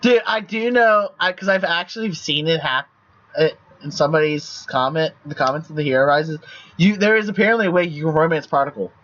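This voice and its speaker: A man's voice: fairly high pitch, fairly quick, a bit bright. Rambling male streamer, muffled lo-fi mic. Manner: rambling, with restarts and swearing. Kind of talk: casual game-play chat.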